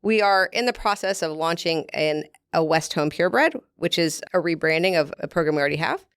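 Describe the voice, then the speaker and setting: A woman with a lowish voice talks through her work in a relaxed interview, going into detail and breaking into easy laughs. The sound is close and dry, with no room around it. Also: brisk, smooth, no room sound. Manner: explains at length, laughs easily. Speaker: guest from a beef producer. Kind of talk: casual interview talk.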